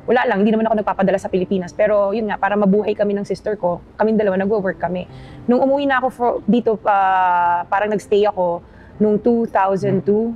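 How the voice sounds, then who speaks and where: A woman's voice: medium pitch, fairly even intonation, fast talker, lo-fi sound, a little hiss or hum. Polite woman guest telling her story. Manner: mixes Tagalog with English, polite "opo", laughs easily. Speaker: interview guest. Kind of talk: casual interview conversation.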